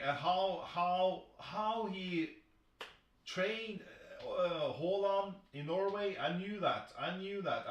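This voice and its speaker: A man hosting a football chat stream. He talks excitably, swears often, and restarts his sentences a lot. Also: fairly high pitch, reverberant, far from the mic, rough recording. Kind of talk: live football commentary chat.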